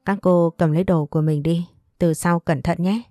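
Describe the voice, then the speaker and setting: A woman's voice: on the low side, fairly even intonation, moderate pace, dark tone, no room sound, studio quality, soft background music, lightly acted. Hoàng Hùng, woman voicing a cold tough young man. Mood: curt. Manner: curt, menacing orders. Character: cold, commanding tall young man in his late twenties.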